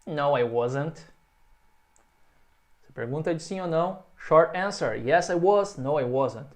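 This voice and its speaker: A man's voice: a little high, expressive, slow, darkish tone. A man with a Brazilian Portuguese accent, teaching English in a video lesson and stretching out example phrases for the learner to repeat.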